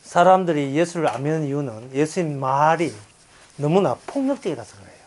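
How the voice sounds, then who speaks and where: Brisk and somewhat high-pitched, this male pastor's Bible lecture is full of energy, with acted-out quotations and chuckles. He speaks with a Gyeongsang Korean accent.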